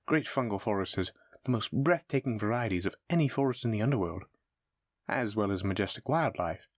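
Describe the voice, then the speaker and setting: Playing a courteous demon receptionist with a salesman's polish, a man rattles off formal, effusive welcome patter directly to the listener in this scripted roleplay. His lowish voice has lively intonation and a slightly fast pace, and the mood is cheerful and informative, with no echo.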